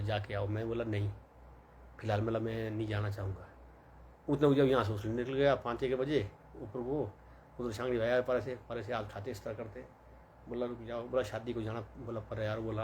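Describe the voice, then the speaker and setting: A man's voice: on the low side, a little mellow. Young man, rambling story, many fillers, faint background hiss. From Himachal Pradesh, India. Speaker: vlogger. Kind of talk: casual storytelling monologue.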